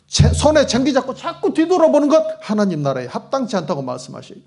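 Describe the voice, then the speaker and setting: Male pastor preaching a sermon in church, high voice that swings all over, hammers phrases again and again. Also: huge pitch swings, fast, vocal fry, a little mellow. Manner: emphatic, repetitive preaching with acted quotes. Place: church sanctuary.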